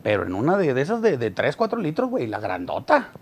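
A man's voice: fairly high pitch, wildly swooping pitch, quick pace, slight background noise. A man with a Mexican accent telling crude jokes as a comedian, rambling and profane with many restarts.

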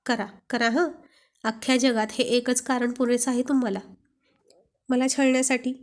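A woman's voice: a little high, little pitch movement, normal speed, lightly acted. A woman voicing a shy, loving young wife who speaks bashfully and affectionately. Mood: bashful, teasing.

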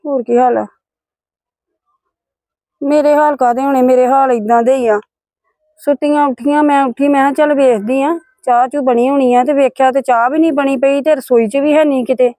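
Worried older Punjabi woman, high for her age, dry sound, rambling. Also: fairly even intonation, normal speed, mellow, dry recording. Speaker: actor in a family drama. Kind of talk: village family drama acting.

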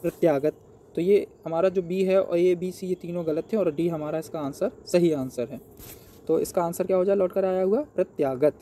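A man with a high, mellow voice takes learners through an exam paper as their tutor. He asks each question out loud and then answers it himself, step by step. A faint hiss of noise sits under the recording. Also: normal speed.

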